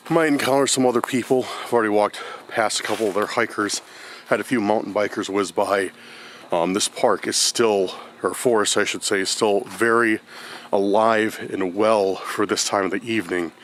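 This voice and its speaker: A paranormal vlogger with a lowish voice and normal speed chats casually to camera in a forest, congested from a cold. He rambles with many fillers and restarts, and some slight background noise is audible.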